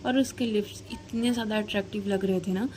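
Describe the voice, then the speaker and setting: A woman's voice: medium pitch, fairly even intonation, fairly quick, darkish tone, a little hiss or hum. A woman narrating a story casually, chatty and slangy, talking to the listener like a friend.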